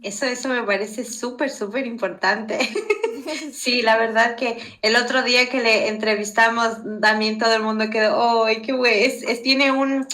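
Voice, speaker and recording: Bright, upbeat woman podcast host. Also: a little high, steady tone, measured pace. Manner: upbeat, laughs between questions. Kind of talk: casual interview.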